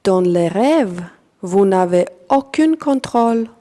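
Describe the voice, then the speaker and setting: This yoga nidra session in French is led by a woman instructor whose accent marks her as a non-native speaker. She has a mid-range voice and speaks in brief, calm, deliberate phrases with long silences between them.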